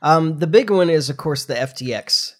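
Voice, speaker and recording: His voice a little high and animated, the middle-aged podcast host moves at a moderate pace. A recent flu leaves him nasal and congested as he casually talks through the news.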